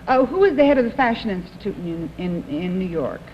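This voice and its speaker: A woman's voice: medium pitch, lively intonation, a little fast, muffled recording, slight background noise. Woman panelist in a reverberant vintage studio. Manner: probing, polite. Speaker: game show panelist. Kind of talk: questioning contestants on a TV panel show.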